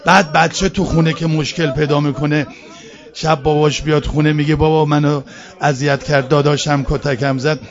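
A hoarse man preaching at a religious mourning gathering, quietly telling a story and voicing its characters' lines. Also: on the high side, flat delivery. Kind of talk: mourning sermon storytelling with chanted lament. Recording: dull lo-fi recording.

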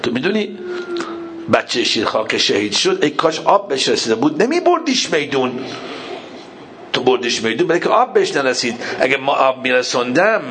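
A man's voice: medium pitch, very animated, noisy background. A man preaching a mourning sermon, impassioned and speaking straight to his listeners, his voice climbing into wailing peaks. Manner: addresses listeners directly.

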